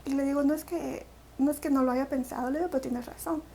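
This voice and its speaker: High-voiced Salvadoran woman recounting her story. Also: steady tone, fast talker, a little mellow, a little hiss or hum. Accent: Salvadoran Spanish. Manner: reflective, with many fillers and restarts. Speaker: interview guest. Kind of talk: personal story in an interview.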